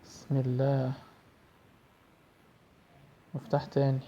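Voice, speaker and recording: A young Egyptian man talks through a horror game in casual, jumpy commentary, muttering prayers as he goes. His voice is dark and mellow. It comes through a muffled home mic with a faint hiss underneath. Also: medium pitch, completely flat delivery, takes it slowly. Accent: Egyptian Arabic. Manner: jittery, screams and prays when startled. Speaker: gaming youtuber.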